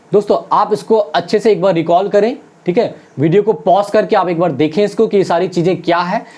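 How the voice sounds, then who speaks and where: Mellow-voiced teacher drilling examples. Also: medium pitch. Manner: addresses viewers as friends, asks and answers its own questions; repeats English example sentences slowly, word by word. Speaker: spoken English teacher. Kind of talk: online classroom lesson.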